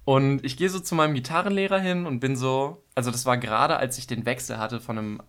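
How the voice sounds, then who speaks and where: A man's voice: mid-range voice, quick pace, a bit bright. Young male co-host, chatty and playful, everyday mid voice. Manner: chatty, playful, acts out quotes. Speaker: podcast co-host. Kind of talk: casual chat.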